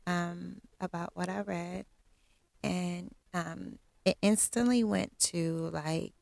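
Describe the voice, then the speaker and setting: A middle-aged woman telling a personal story to her viewers, blunt and self-assured, often pausing on "um". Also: lowish voice, fairly even intonation, vocal fry, darkish tone, no room sound. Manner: blunt, candid, self-assured straight talk with frequent ums.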